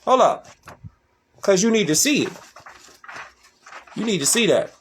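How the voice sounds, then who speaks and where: A man with a high, lively voice delivers preachy commentary in casual street slang. He hammers his points home and keeps repeating himself. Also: a little slow, slight background noise. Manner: emphatic and repetitive, in casual slang.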